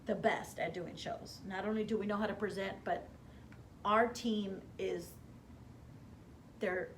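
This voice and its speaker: A hair stylist, speaking as a guest in a casual interview, tells the story of her career with animation, acting out quoted dialogue and gasping for effect. Her voice is at a middling pitch for a woman and a little slow. A faint hiss of background noise sits behind her.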